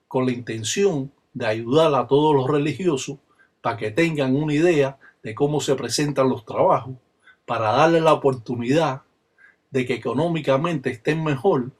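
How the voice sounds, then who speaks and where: An older man with a Cuban Spanish accent, a religious elder giving a solemn spoken teaching that breaks into rhythmic chanted phrases. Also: medium pitch. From Cuba. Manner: solemn, insistent, bursts into rhythmic chanted call-and-response phrases.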